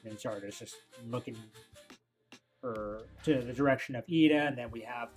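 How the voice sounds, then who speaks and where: A man's voice: mid-range voice, normal speed, soft background music. A man giving casual reaction commentary as he reads through a manga, with joking asides. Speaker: manga reviewer and reader.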